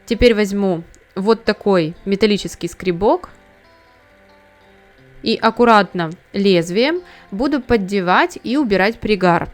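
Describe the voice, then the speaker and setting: A woman talks through a household cleaning task in a calm, instructive voice-over, one step at a time. Her pitch sits in an ordinary middle range. Soft music plays faintly behind her. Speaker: home cleaning tips host. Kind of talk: scripted how-to voice-over.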